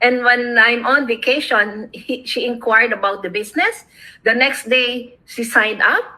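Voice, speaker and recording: A woman's voice: a little high, unhurried, sharp tone, low-quality recording. A middle-aged woman from the Philippines, hosting a casual chat over a video call, rambling and laughing often. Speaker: host.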